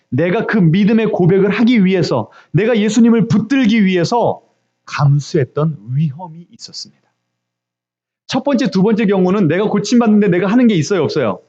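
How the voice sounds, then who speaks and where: High-voiced preaching pastor, dull sound. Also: male voice, lively intonation, moderate pace. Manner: preaches with questions to the congregation, dramatic shifts in loudness. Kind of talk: sermon.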